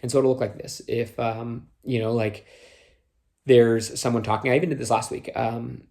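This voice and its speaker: Young man, mid-pitched, casual instructional tone, Minnesota-born, slight Minnesota accent on a few words, filler-heavy. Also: fairly even intonation, moderate pace, gravelly, a little mellow. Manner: conversational, many fillers, acts out quotes. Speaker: youth small group leader trainer.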